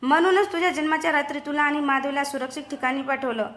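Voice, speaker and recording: Storybook mother, firm and measured, read by a woman; somewhat high, echoey room. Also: steady tone, a bit bright. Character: stern guarded older mother figure. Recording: roomy echo.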